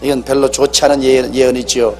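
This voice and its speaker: A man preaching an animated, exhorting sermon as a pastor in a church sanctuary, often acting out dialogue. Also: medium pitch, fast. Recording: echoey hall with faint hum.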